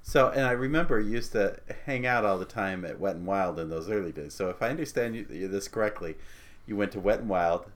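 A man hosting a casual interview with a slightly low voice. He asks his guest relaxed, joking questions. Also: brisk.

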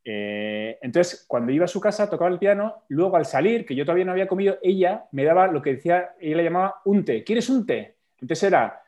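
Man telling a relaxed anecdote. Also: sits high, fast, hardly any pauses. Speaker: podcast co-host. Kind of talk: casual chat, storytelling.

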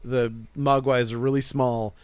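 A man's voice: mid-range voice, level tone, a little slow, clean tone, no room sound. Chatty man geeking out on pop culture. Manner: enthusiastic, rambling, laughs often. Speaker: podcast co-host, comic shop worker. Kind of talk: casual chat.

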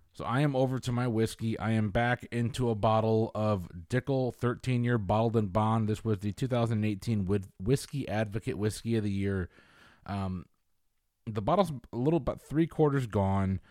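A man's voice: lowish voice, darkish tone, no echo, studio quality. A young adult man hosting a casual online show, upbeat and joking in easy conversation with friends. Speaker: host. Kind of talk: casual chat.

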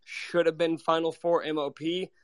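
An American man with a coarse, gravelly voice hoarse from a cold, giving grandly emphatic sports fan commentary as a caller in a live audio chat. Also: a little high, flat delivery, moderate pace, no echo, studio quality. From Kansas, United States. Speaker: guest caller, basketball fan.

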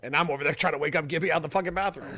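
A man chatting on a podcast, excitedly retelling a shared story and laughing often. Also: a little high, rapid-fire. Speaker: podcast co-host. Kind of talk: casual chat.

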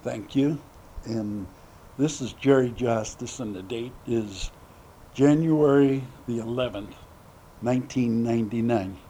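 Older man speaking haltingly on noisy tape. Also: mid-range voice, warm tone. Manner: halting, deliberate, with long pauses. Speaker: musician introducing an archival band recording. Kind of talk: unscripted spoken notes recorded on tape.

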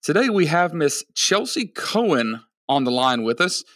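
A man's voice: on the high side, very animated, normal speed, fairly bright tone, dry recording, clean studio sound. A man hosting a podcast, delivering scripted intros in an upbeat, peppy show-host manner.

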